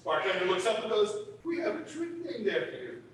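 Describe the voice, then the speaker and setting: Guy doing a slow deadpan joke guy, high swingy voice, far away echoey stage sound. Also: a little hiss or hum. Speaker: stage actor telling bar jokes. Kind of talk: live stage comedy acting. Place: theater stage.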